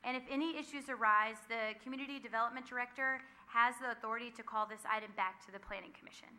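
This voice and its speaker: City staff woman reading her report, kinda high and bright, steady formal delivery. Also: quick pace. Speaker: city planning staff member.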